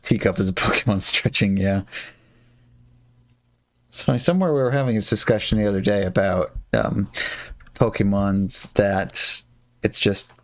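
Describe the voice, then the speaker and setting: Gravelly low-voiced man streaming a card game. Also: normal speed, pauses often. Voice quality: gravelly, relaxed, hums and mutters while playing. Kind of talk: casual live-stream commentary.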